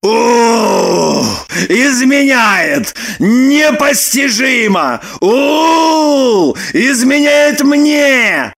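A woman voicing a heartbroken, furious man in an audiobook, shouting and wailing in long, drawn-out outbursts. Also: mid-range voice, lively intonation. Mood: outraged wailing. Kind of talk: audiobook character voice.

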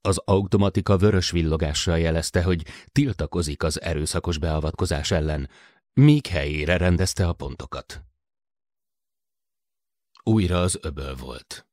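Male audiobook narrator, very low voice, measured delivery, dry close studio sound. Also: no room sound. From Hungary. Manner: measured, even storytelling. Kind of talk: scripted narration.

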